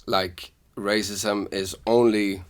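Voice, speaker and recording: A young Swedish man with a fairly low voice takes his time as he hosts a podcast. In casual conversation he earnestly shares personal stories, becoming animated whenever he quotes other people.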